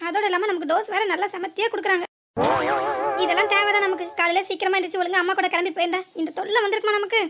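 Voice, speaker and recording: Voice actor doing a half-asleep young guy, southern tamil nadu accent, high and quick, pleading. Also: steady tone, bright, forceful tone. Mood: bewildered. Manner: pleading, groggy complaints. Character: sleepy young man, bewildered and pleading. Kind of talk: cartoon voice acting.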